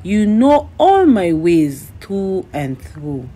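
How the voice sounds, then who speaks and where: A woman's voice: mid-range voice, big pitch swings, extremely slow, warm tone, slightly rough. A woman reading a psalm aloud as a liturgical scripture reader.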